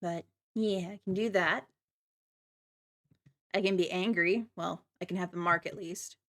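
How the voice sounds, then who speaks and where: A woman's voice: fairly low pitch, fairly even intonation, a little slow, fairly bright tone. A woman livestreamer chatting casually to viewers, with a giggly, apologetic and slightly nervous manner. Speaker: livestreamer, virtual avatar host.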